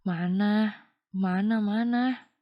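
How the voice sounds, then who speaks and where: A woman's voice: fairly low pitch, fairly even intonation, moderate pace, highs cut off, natural voice. A woman reading the lines of a defiant young woman in an audio novel, speaking sharply and with irritation. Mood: irritated. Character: defiant young woman, fed up with her ex-lover.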